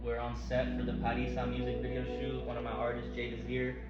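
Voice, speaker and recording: A man's voice: mid-range voice, monotone, fairly quick, lo-fi sound. A man talking casually to camera as a vlogger, addressing his viewers in a motivational, informal way. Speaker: vlogger and day trader. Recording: loud music over the voice. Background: loud music.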